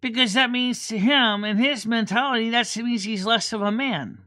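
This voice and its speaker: A woman's voice: on the high side, normal speed, pushed and bright. A woman hosting a casual livestream chat, rambling and repeating words as she thinks aloud. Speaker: host.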